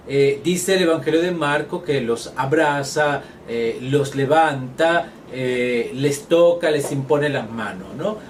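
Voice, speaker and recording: A man teaching a Bible study module, explaining patiently in a measured lecture manner with frequent filler sounds. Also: a little high. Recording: slightly distant mic with faint room noise.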